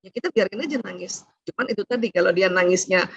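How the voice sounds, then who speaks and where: A middle-aged woman doctor giving a chatty seminar talk to women, often adding "ya" as she explains, with sudden rises and hushed asides. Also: mid-range voice, fast, creaky, breathy edge, dry recording, lo-fi sound. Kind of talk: seminar lecture to a women's audience.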